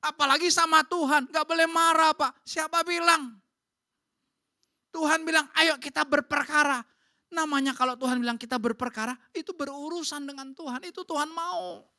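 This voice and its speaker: A woman pastor preaching a sermon in a church, talking in a lively, conversational way straight to the congregation. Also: sits high, normal speed.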